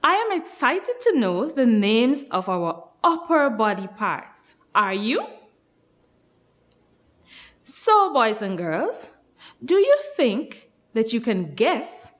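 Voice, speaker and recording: A woman speaking like a kids show host, teaching young children slowly with encouraging, sing-song questions. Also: on the high side. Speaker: nursery teacher hosting a children's lesson.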